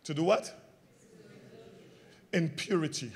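A man with a slightly rough voice preaches slowly as pastor. He leads the congregation in call-and-response questions, moving between loud, emphatic passages and quiet, low ones.

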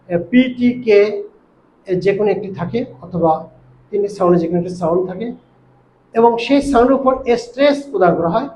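A man from Bangladesh teaching a classroom lesson, explaining step by step with pauses and fillers as he searches for words. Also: sits high, darkish tone. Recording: echoey room with faint noise.

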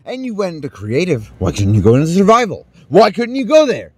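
A man ranting at a video game, cursing and often shouting in fury. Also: high-pitched, sing-song, a little fast, husky. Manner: furious, profane, frequently shouting. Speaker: gamer. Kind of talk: ranting gaming commentary.

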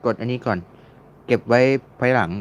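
A man talking through a casual tutorial at a middle pitch. He chats loosely and keeps repeating words as he hunts for things on screen and clicks along. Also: steady tone, a little fast, noisy background. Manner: chatty, repeats words while searching and clicking. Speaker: mobile game modding tutor.

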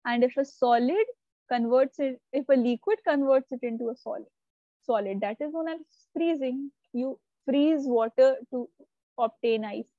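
A woman teacher gives a live online class lecture, explaining step by step and checking that her students follow. Her voice sits high at normal speed, with no echo but the highs cut off.

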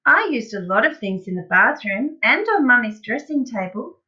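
A woman's voice: on the high side, expressive, moderate pace, pushed and bright, highs cut off, voice pushed up. A woman voicing an earnest, doubtful little boy in a children's storybook, questioning and pleading to be heard. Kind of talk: dramatised children's storybook reading.

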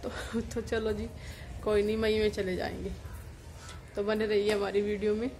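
Flat-voiced young woman vlogging from home. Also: mid-range voice, normal speed, a little hiss or hum. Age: young adult. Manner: chatty, repeats fillers, wistful. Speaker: village vlogger. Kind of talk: casual vlog talk to camera. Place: small room at home, indoors.

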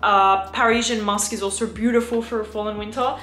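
A woman's voice: fairly even intonation, brisk, echoey room, slight background noise. A young woman from Australia with an Australian accent touched by French, chatting effusively about fragrances on her vlog. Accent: Australian, with some French influence. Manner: gushing and effusive, slips into a lowered, breathy hush. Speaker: fragrance vlogger. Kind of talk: casual chat.

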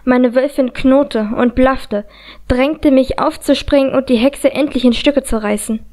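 Lady reading a fantasy audiobook, high voice, dramatic and tense. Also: fairly even intonation, measured pace, a little mellow. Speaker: audiobook reader. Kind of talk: first-person audiobook narration.

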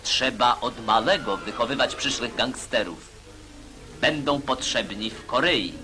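A man delivers old newsreel narration with firm, declamatory emphus, pitched at an ordinary middle range for a man. His emphatic lines carry the tone of propaganda, and a loud music score plays clearly behind him. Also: unhurried.

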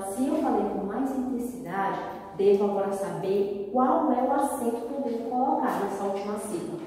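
A woman with a Brazilian Portuguese accent, a primary school teacher giving a slow, didactic recorded grammar lesson to children. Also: a little high, warm tone. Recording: echoey room from far off.

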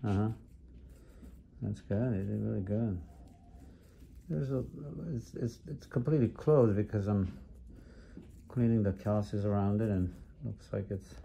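A man's voice: on the low side, vocal fry, warm tone, slight background noise. A man, a foot doctor, chatting encouragingly with a patient while cleaning a wound in a clinic. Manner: chatty, encouraging, many uh-huhs. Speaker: podiatrist. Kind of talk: casual chat while treating a patient. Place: clinic room.

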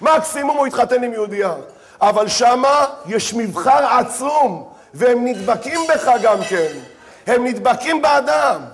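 A man's voice: very high-pitched, animated. A man, a rabbi, giving a sermon, speaking straight to his audience and telling the story with dramatic voiced asides.

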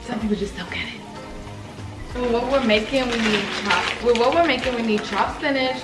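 A woman's voice: a little high, moderate pace. Young woman chatting while cooking. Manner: chatty, relaxed, filler-heavy explaining while cooking. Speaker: vlogger. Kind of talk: casual cooking vlog. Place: home kitchen, indoors. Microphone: camera mic from a few feet away. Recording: roomy kitchen echo, distant mic, loud music underneath. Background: loud Afrobeat music.

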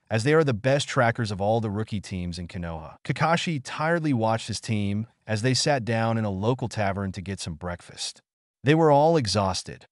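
A man reading a fan fiction story aloud in a steady storytelling manner. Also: lowish voice, no echo, clean studio sound. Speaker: narrator. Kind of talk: scripted fan fiction narration.

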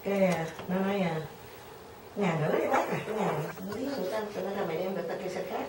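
An older woman from Vietnam tells a story in casual chat, animatedly acting out the voices of the people in it. She speaks at a racing pace with a medium-pitched voice. The radio recording is roomy and distant, with background noise.

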